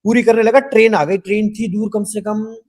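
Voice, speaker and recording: A man guesting on a podcast, telling stories animatedly and swinging between loud bursts and quiet asides. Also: high voice, fairly even intonation, moderate pace. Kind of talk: casual podcast chat.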